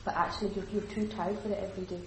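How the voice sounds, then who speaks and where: A woman trainer leading a lively workshop, slipping into little acted-out voices as she explains. She is recorded from across a very echoey room, so she sounds distant and hollow. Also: medium pitch, rapid-fire, background noise. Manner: lively, acts out example speakers. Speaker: teacher trainer.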